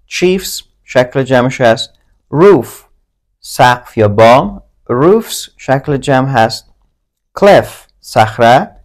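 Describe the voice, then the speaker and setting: A male teacher gives a grammar lesson, his voice moving lively up and down at an ordinary middle pitch. He sounds out English example words slowly and carefully, one pair at a time. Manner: slow, deliberate reading of English example words in pairs.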